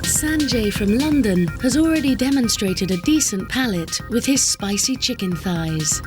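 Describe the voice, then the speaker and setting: A woman reading a scripted voice-over for a cooking show in an even, informative way. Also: fairly high pitch, moderate pace, over music. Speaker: narrator.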